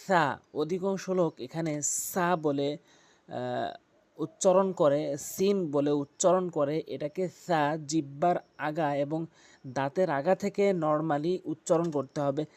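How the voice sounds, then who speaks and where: A man teaching Arabic letter pronunciation in an earnest, instructive video lesson, repeating each sound slowly with emphasis. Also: on the high side, darkish tone. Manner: earnest, instructive address to viewers. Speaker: Quran recitation teacher.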